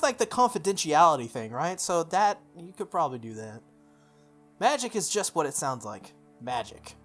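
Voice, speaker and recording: A game streamer doing a playthrough reads visual novel text aloud over music, his medium-pitched voice a little bright. His manner is informal, and he keeps slipping in offhand side comments.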